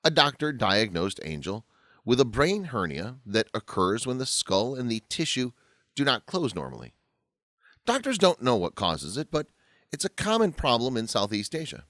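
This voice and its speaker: A man reading a scripted story as narrator, in an expressive, lively way. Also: medium pitch, normal speed, dry recording, studio quality.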